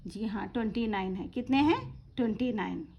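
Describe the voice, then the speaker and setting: A woman teaching Quran reading, slowly drawing out each letter name and then explaining softly and quickly in between. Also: a little high, gravelly. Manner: slow, drawn-out letter names, then quick soft explanations. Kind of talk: online lesson, letter-by-letter drilling. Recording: dull lo-fi audio.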